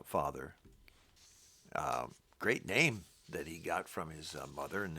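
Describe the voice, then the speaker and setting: A man reading the Bible aloud and commenting on it, talking in a halting, rambling way with many restarts. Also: low voice, vocal fry, a bit bright. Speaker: Bible teacher.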